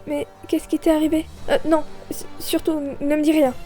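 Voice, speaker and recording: A woman playing a gentle, firm young heroine. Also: sits high, little pitch movement, quick pace, faint music behind, pitched above the performer's own voice, lightly acted. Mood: alarmed. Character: caring, steady young superheroine. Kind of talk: fan audio fiction.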